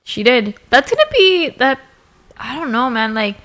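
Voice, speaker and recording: A woman's voice: sits high, big pitch swings, moderate pace, fairly bright tone. A young woman co-hosting a podcast, gossiping casually with lots of swearing and laughter. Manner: profane, laughing, celebrity gossip banter. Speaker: podcast co-host. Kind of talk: casual chat. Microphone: podcast mic.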